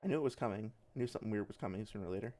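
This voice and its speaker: A man's voice: lowish voice, rapid-fire. A man casually commentating on a game he plays live, with thoughtful, analytical asides like a developer. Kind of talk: casual livestream gameplay commentary. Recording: clear background noise.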